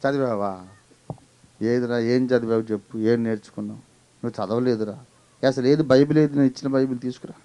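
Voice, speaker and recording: A man's voice: medium pitch, fairly even intonation, a little fast, long pauses, dark tone, natural voice. A man voicing a rich elderly father who admonishes his son with insistent patience. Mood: stern.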